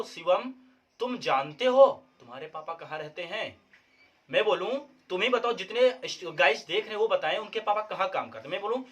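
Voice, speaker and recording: A young man with a high-pitched voice explains English grammar to learners. He repeats each example again and again with firm emphasis, and he sounds a little unwell, with the odd cough. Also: a bit bright. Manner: repetitive, emphatic classroom explaining, quotes example sentences. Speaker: English teacher. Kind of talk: Hindi-language English grammar lesson.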